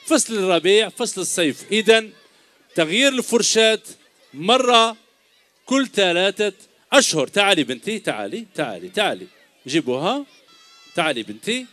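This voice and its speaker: A middle-aged man with an Algerian Arabic accent, whose voice sits high and fairly bright, hosts a kids' show from an outdoor stage. Facing a large crowd of children, he teases them with quiz questions through a handheld microphone, joking and calling them "my dears."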